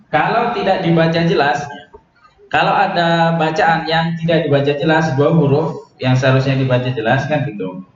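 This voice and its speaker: Man teaching in an echoey room. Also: on the high side. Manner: explains rules slowly, asks students questions. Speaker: Quran recitation teacher. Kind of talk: classroom tajwid lesson. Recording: echoey room, dull, noisy.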